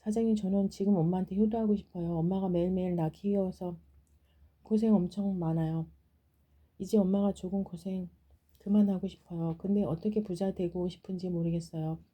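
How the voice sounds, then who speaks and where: A woman's voice: fairly low pitch, steady tone, a little fast, mellow, lightly acted. A woman voicing a young man in a folktale, the poor son of a fisherwoman, who speaks in simple, earnest pleas. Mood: pleading.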